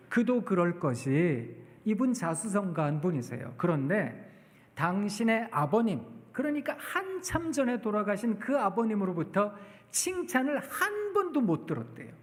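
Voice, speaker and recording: A man preaching a storytelling sermon at a church, acting out the people in his stories with lively exclamations. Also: high voice. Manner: animated, acts out quotes with exclamations. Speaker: guest preacher, professor. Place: church sanctuary. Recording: long church hall reverb.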